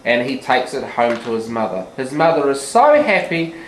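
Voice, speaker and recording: In a school classroom, a teacher narrates a children's puppet show, retelling a fairy tale simply and deliberately and breaking off for asides to the young audience. Her mid-range voice is very animated, rising over a noisy crowd. The room is echoey, with background noise.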